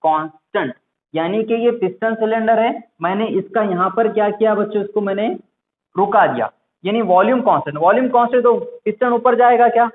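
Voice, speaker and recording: A man's voice: high voice, a little fast, slight background noise. A male teacher gives a classroom lecture. He keeps asking the class questions and then answers them himself. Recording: echoey room over a tinny, phone-like line.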